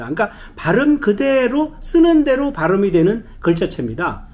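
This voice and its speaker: A middle-aged man giving a casual spoken language lesson, chatty and full of fillers, acting out little dialogues as he explains. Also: high-pitched. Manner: chatty storytelling with many fillers, acts out dialogue. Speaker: travel guide teaching phrases.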